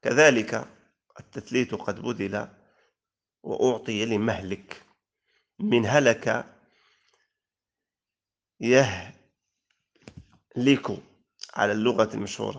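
Male teacher, low gravelly voice, measured recitation of verse in a grammar lesson. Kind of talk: classical Arabic grammar lesson.

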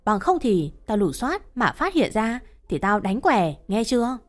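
Woman putting on a shrill scolding mother-in-law. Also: very animated, unhurried, soft background music. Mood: shrill accusing. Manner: abusive, uses coarse address terms.

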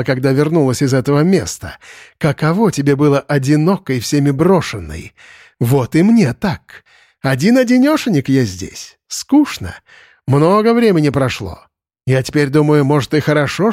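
A man's voice: on the high side, big pitch swings, moderate pace, darkish tone, no room sound, studio quality. A man voicing a mocking, shapeshifting bird spirit that has taken over a boy's body, in an audiobook. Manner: sneering, taunting. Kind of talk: audiobook character voice.

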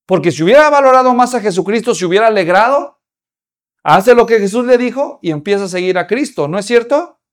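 A man's voice: high-pitched, animated, fairly quick. A man preaching a sermon, often putting rhetorical questions to the congregation.

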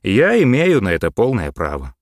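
A man's voice: lowish voice, huge pitch swings, no echo, clean studio sound, pitched above the performer's own voice. A man doing a stern young landowner. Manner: cool, stern, measured.

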